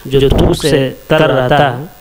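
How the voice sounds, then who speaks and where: A man teaching a slow alphabet lesson, repeating each letter several times and explaining step by step where it is made in the mouth. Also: medium pitch, fairly even intonation, a crowd in the background. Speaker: Arabic teacher.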